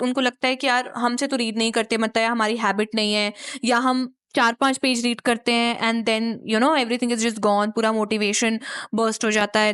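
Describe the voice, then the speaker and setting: A woman's voice: on the high side, a bit bright. A woman with an Indian accent explaining an English speaking lesson in a chatty way, repeating points and checking in with "right?". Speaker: English teacher.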